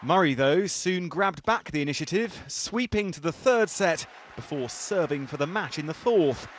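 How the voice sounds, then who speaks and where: A man's voice: fairly high pitch, animated, moderate pace, slight background noise. A British man narrating a scripted sports news report with a dramatic storytelling delivery.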